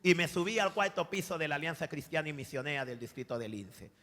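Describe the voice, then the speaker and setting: Brief: Peruvian man, 40s, preaching testimony, bright higher voice, long church-hall reverb. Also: fast talker. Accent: Peruvian Spanish. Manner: animated storytelling, acting out dialogue, calls listeners brother. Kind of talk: sermon testimony.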